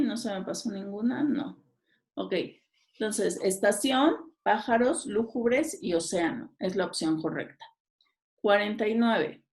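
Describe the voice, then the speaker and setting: A woman teacher walks through exam questions at an unhurried, deliberate pace. Her voice sits at a middle pitch. She reads each item aloud and keeps checking that her listeners follow. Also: a little mellow. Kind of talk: exam review lesson.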